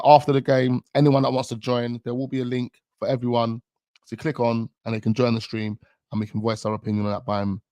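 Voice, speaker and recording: A man hosting a casual live-stream chat, slangy, loose and jokey, laughing often. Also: medium pitch. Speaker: host of a fan channel stream.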